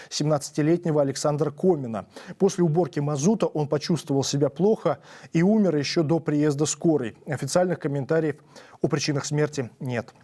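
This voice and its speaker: Mellow, higher-pitched male news presenter. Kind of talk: scripted news narration.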